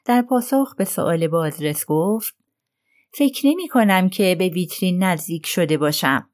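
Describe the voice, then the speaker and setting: A woman's voice: on the low side, lively intonation, a little mellow. A woman narrating a crime novel as an audiobook, voicing the characters lightly in her own voice. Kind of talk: reading a crime novel aloud.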